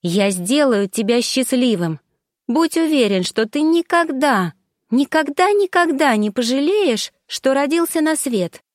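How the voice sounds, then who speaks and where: A woman's voice: a little high, a little slow, no room sound, natural voice. Young emotional woman, anxious but resolute, voiced by a woman narrator; dry, close read. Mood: determined. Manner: emotional, tearful, then resolute. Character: young anxious pregnant woman, later a doting mother. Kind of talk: audiobook character voice.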